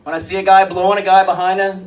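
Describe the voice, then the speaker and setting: A man with a high voice delivers a stand-up set in a flat, deadpan way, landing crude one-liners. The sound is a live club recording, caught a little far from the mic with a faint hiss under it. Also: fast. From Springfield, US. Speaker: stand-up comedian. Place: comedy club stage. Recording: live club mic heard from a distance, light noise.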